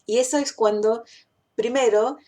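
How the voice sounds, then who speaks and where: Woman, higher voice, casual pronunciation lesson, relaxed, thinking fillers. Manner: slows down and stretches English example words. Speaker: English pronunciation teacher.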